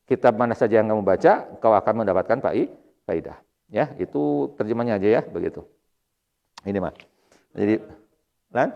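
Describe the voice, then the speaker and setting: A man's voice: fairly low pitch, expressive, gravelly, dull audio. Man teaching Arabic grammar in a mosque hall. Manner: slow drilled Arabic phrases, quick asides, chuckles. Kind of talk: mosque study class. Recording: long hall reverb.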